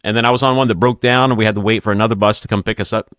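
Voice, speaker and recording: A man's voice: fairly low pitch, fairly even intonation, very fast, a bit bright, no echo, clean studio sound. A middle-aged man hosting a podcast, telling rambling stories in casual chat and laughing often. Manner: storytelling, laughs often, stumbles and restarts. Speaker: podcast host.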